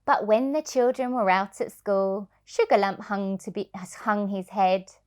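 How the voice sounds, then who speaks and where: As a childminder, a woman reads a children's storybook aloud expressively in a sing-song way. Her pitch is medium and her pace measured.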